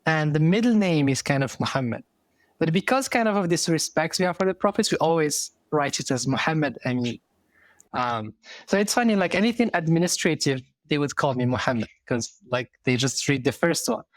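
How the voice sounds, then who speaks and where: A man's voice: a little high, dry recording. A man in his thirties from Morocco with a Moroccan accent, a guest talking through his story thoughtfully with many fillers and restarts. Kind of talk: casual interview.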